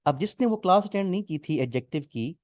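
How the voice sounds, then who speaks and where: Guy teaching a grammar class, keeps asking "clear?", dry recording. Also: fairly high pitch, expressive, fast talker, darkish tone, no room sound. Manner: explains step by step, checks often if students follow. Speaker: English teacher. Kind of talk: online class explanation.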